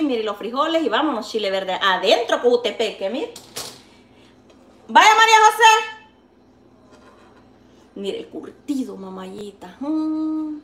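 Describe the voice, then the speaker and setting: A middle-aged woman with a Salvadoran accent chatting with her viewers while serving food, calling them sweet pet names. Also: sits high. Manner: chatty, affectionate, calls viewers endearments. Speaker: cooking vlogger. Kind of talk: casual chat with live viewers. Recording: echoey room with faint noise.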